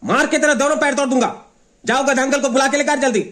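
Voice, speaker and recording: A man with a Bundeli accent playing a hot-tempered village father who shouts and scolds his son in a comedy sketch. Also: very high-pitched, fast, a little hiss or hum. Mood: scolding.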